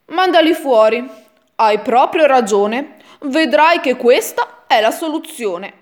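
A woman voicing a calm old wise man in a rhyming storybook, giving short, matter-of-fact advice. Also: high voice, takes it slowly, voice pushed up. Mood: advising. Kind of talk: storybook reading.

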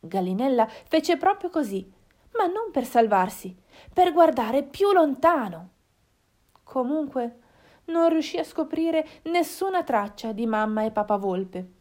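A woman narrating a children's storybook in a slow, expressive reading. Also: sits high.

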